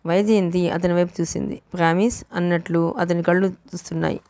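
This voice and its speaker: A woman reading a novel aloud as an audiobook narrator, in steady storytelling. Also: on the low side, a little fast, creaky, no room sound.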